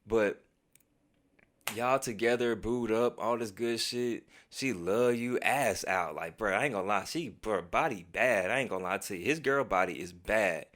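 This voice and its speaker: At normal speed and with a lowish voice, an American storytelling vlogger relays a casual personal experience. The telling is heavy on slang and swearing, lively, and punctuated by acted-out dialogue.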